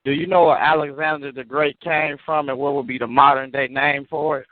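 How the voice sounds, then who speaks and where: A man calling in to a talk radio show with a halting question, his phone connection breaking up and choppy. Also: fairly high pitch, flat delivery, no echo. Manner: halting, many fillers and restarts. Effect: bad, choppy phone connection breaking up. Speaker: caller. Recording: tinny, choppy phone line.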